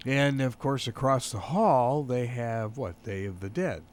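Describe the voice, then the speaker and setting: A man's voice: medium pitch, measured pace, darkish tone. A man hosting a radio talk show, chatting casually and chiming in often. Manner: chatty, interjecting. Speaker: radio host.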